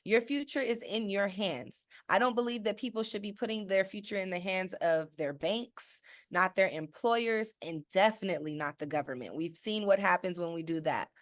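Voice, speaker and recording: Speaking at normal speed with hardly any pauses, a persuasive financial educator delivers a sales-pitch webinar full of emphasis and rhetorical questions. She keeps checking in with a frequent "okay?" at the end of sentences. Her voice is ordinary in pitch, dry and close-miked with no echo.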